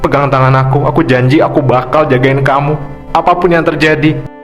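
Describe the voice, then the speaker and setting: A man voicing an anxious young boyfriend in an animated drama, talking in an earnest, pleading way. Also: on the high side, brisk, soft background music, close to an everyday voice.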